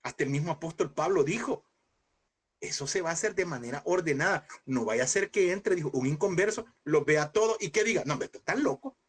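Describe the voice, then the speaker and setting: Animated husky-voiced man teaching scripture. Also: a little fast. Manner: animated, mimics voices with sudden high shouts; addresses listeners as brother, rhetorical questions. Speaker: Bible seminary teacher. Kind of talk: lively preaching lecture.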